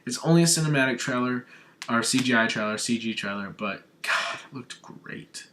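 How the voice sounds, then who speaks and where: A young man from Arizona talks through a gaming showcase in an excited, gushing way. His voice sits at an ordinary male pitch. He is a devoted fan recapping for his own channel. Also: normal speed, slight background noise. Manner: gushing, breathless fanboy enthusiasm. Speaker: gaming vlogger. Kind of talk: excited video game recap.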